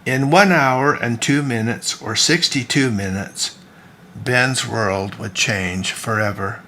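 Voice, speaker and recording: A man, the author, reading his own novel aloud as storybook narration at an unhurried, gentle pace. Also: medium pitch, slight background noise.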